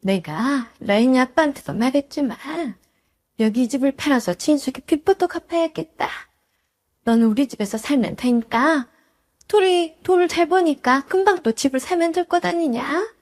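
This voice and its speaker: Lady doing a high shrill nagging old mother-in-law, always scolding. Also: lively intonation, normal speed. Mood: demanding. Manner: nagging, shouting, jabbing reproaches. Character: scolding older mother-in-law, bossy and quick to anger.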